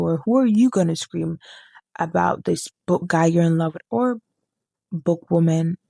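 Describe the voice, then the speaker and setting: A woman with a low, gravelly voice talks casually to camera about books. She rambles and drifts off topic, often stopping to correct herself. The sound is dry and close, with no room around it. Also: mellow, no room sound. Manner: rambling, sidetracked, self-correcting. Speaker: book reviewer.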